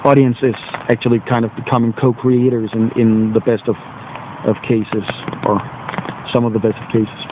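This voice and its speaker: Recorded at phone quality with background noise, a man from Denmark speaks at normal speed in a level, medium-pitched voice with a Danish accent. He's a teacher and video blogger with a slight cold, chatting casually on a wet bench out in nature, rambling, poking fun at himself and hunting for English words.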